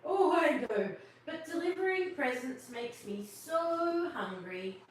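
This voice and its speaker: Storybook old Santa, performed by a woman: jolly, sheepish glutton, slow delivery, very echoey. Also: high voice, expressive, recorded from a distance, voice pushed up. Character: jolly, greedy old male Santa with a big appetite.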